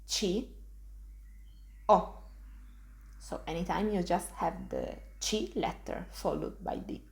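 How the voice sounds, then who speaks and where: Italian-accented woman teacher, mid-pitched, unhurried, repeats every sound with care. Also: a little mellow. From Italy. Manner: repeats each sound slowly and clearly. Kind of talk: slow, careful pronunciation lesson.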